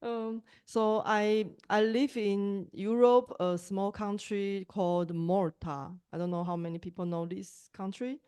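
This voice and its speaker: Woman from Taiwan, Taiwanese accent, second-language English, hesitant, slow and smooth, video call. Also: mid-range voice, steady tone, warm tone. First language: Mandarin. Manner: hesitant, with pauses and restarts. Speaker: language teacher and podcaster. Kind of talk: online group introductions.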